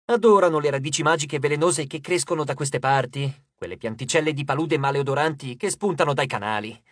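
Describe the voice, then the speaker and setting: A man's voice: fairly high pitch, fairly quick, dry recording, studio quality, close to an everyday voice. A man voicing a scornful, capricious male god. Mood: lecturing. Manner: breezy, scornful, lecturing. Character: haughty petulant male god, dismissive and capricious. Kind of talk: audiobook character reading.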